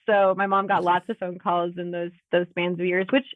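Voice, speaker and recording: A woman's voice: lowish voice, level tone, normal speed, dry recording. A woman in her thirties chatting as a guest over a video call, with frequent laughs and fillers. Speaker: podcast guest. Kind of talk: casual conversational interview. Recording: tinny phone-like audio.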